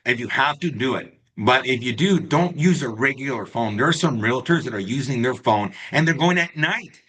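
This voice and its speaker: Man, real estate coach, bright forceful voice, casual teaching tone. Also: medium pitch, animated, moderate pace. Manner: talks to the class, tags lines with right and okay. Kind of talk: live online class.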